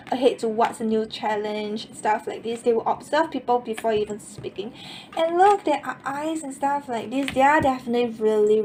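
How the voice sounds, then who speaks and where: A woman's voice: a little high, a little hiss or hum. Chatty young woman reading tarot. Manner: chatty, repeats herself, many fillers. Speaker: tarot reader.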